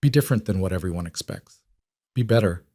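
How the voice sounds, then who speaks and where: A man's voice: sits low, animated, quick pace, dark tone, no echo, studio quality. A man voicing a frightened young female graduate student, pleading and shaken.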